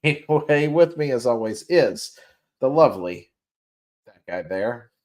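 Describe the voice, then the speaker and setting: A man's voice: mid-range voice, lively intonation, measured pace, darkish tone, slight background noise. A tired man hosting a casual gaming news livestream, joking, laughing often and restarting his sentences. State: tired, yawning. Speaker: podcast host.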